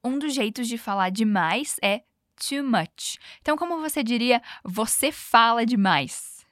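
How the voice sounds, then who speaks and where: Brief: higher-voiced woman, podcast English teacher, patient drill pacing, dry close sound. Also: expressive, fairly bright tone, dry recording. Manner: patient, coaching, slows down for model phrases. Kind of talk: podcast language lesson.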